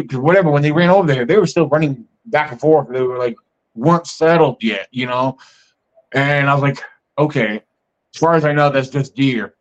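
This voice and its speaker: A man hosting a podcast, telling a story in a casual, meandering, conversational way. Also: mid-range voice. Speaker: podcast host. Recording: muffled lo-fi audio.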